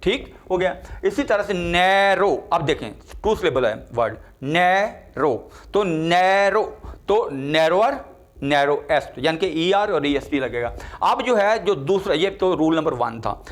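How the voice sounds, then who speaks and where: Older guy teaching english grammar, high voice, says every word form over and over slowly. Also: expressive. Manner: slow, repetitive drilling of word forms. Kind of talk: grammar lecture.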